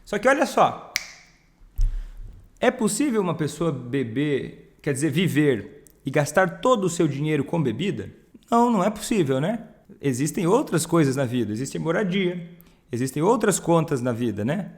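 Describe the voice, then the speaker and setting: Brazilian-sounding man giving advice, higher pitch. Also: sing-song, normal speed, a little mellow. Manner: conversational, explains with many rhetorical questions and acted quotes. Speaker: family counselor on alcoholism. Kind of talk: direct-to-camera advice talk.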